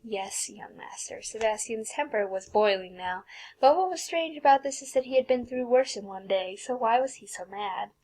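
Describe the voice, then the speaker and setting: Young woman reading a fanfic out loud, kinda high voice, keeps tripping over words and restarting. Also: animated, moderate pace, poor audio. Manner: stumbles and restarts, breaks off to comment and swear. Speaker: fanfic reader. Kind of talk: casual reading aloud of a fan fiction.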